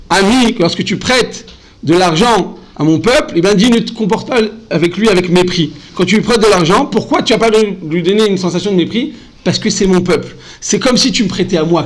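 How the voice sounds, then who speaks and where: High-voiced man teaching Torah. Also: low-quality recording. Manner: animated, addresses listeners as "Rabotai", mixes in Hebrew terms. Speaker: rabbi teaching a Torah class. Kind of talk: lively Torah lesson.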